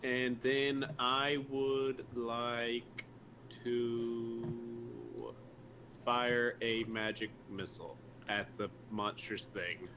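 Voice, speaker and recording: A man's voice: mid-range voice, level tone, very slow, background noise. A man playing in a tabletop game, hesitantly stating actions and asking curious rules questions. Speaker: player. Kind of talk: casual tabletop play.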